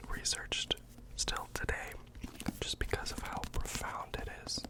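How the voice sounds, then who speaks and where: Whispered role-play, deadpan librarian. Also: a little slow. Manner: deadpan, mock-earnest. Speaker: ASMR performer playing a librarian recommending books.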